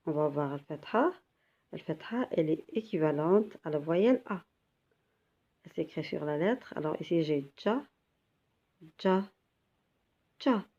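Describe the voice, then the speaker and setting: A woman's voice: low voice, animated, moderate pace, dark tone, highs cut off. A woman teaching a beginner language lesson, patiently sounding out syllables and repeating each one. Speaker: Arabic teacher.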